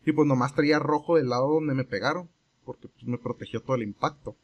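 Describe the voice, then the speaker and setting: This muffled recording captures a young Mexican man talking fast in a mid-range voice as he rambles through a long story among friends. His Mexican Spanish accent comes through, and he stays relaxed while voicing the quoted exchanges of the people in his tale.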